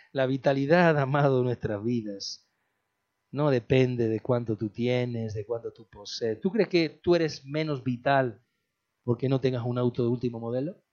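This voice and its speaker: A man's voice: mid-range voice, unhurried, a little mellow. A male pastor preaching a sermon, repeating his phrases, often calling listeners "beloved" and breaking into jokey asides. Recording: dull lo-fi recording.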